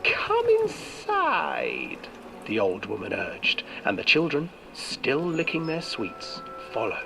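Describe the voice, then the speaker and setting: A man narrating a dark fairy tale in a game with slow, theatrical storytelling. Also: mid-range voice, lively intonation, vocal fry. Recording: game audio with loud music behind.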